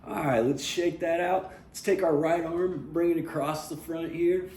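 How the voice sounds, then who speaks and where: Man, fitness instructor, casual chatty coaching, warm mellow tone, echoey room. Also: on the high side, fairly even intonation, measured pace. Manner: casual and candid, with many "you know"s. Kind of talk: guided workout instruction. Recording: roomy with faint noise.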